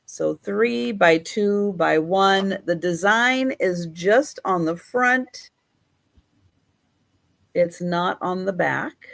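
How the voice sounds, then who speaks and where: A woman hosting a live sale as the auctioneer, describing items in an unhurried, chatty, measured way. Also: lowish voice, creaky, a bit bright.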